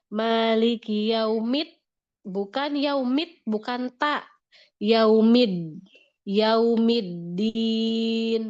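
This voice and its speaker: A woman's voice: mid-range voice, darkish tone, lo-fi sound. A woman teaching Quran recitation in an online class, patiently modelling each sound and repeating corrections. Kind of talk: online tajwid lesson.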